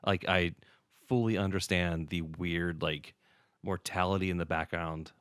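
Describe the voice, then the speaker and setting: A man with a very low voice co-hosting a casual synth podcast. He rambles in a relaxed way and laughs often. The sound is dry and close to the mic. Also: a little slow, clean tone, dry recording. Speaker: podcast co-host. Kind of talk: casual chat.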